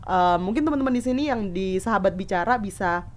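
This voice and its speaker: A woman in her thirties from eastern Indonesia, a podcast guest telling stories in a lively, casual way and mixing in English words. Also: mid-range voice, fairly quick.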